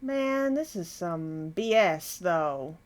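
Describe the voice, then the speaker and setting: A woman's voice: fairly low pitch, lively intonation, slow pace, slight background noise. A woman hosting a reaction video, talking casually and expressively, with frequent exclamations and swearing.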